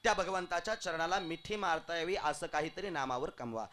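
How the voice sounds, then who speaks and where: High-voiced man preaching a kirtan. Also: lively intonation, fairly quick, slight background noise. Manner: declaiming, swings between loud proclaiming and hushed asides. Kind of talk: devotional kirtan sermon.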